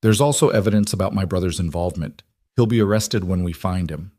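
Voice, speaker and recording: A man's voice: deep voice, brisk, mellow, no echo, studio quality. A man reading as a curt female federal agent. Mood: quiet. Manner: clipped, curt.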